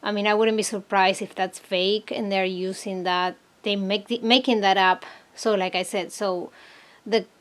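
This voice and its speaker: A woman's voice: medium pitch, steady tone, normal speed, a bit bright. A woman from Argentina talking casually to her viewers in a vlog, hesitant and searching for words, earnest and troubled. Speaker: vlogger. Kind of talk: casual talk to camera.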